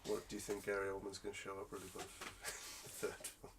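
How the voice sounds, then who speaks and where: A man's voice: sits low, completely flat delivery, fairly quick, fairly bright tone. A man co-hosting a casual podcast chat, blunt and playful, pushing the topic along. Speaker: podcast co-host.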